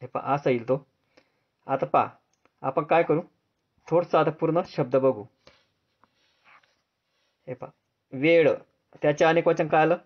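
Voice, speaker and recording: A man with a Marathi accent teaching a grammar lesson, drilling students with repeated questions and answering them himself in a lower, softer voice. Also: fairly even intonation, a little slow, pauses often. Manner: answers drop low and soft. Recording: dull lo-fi sound.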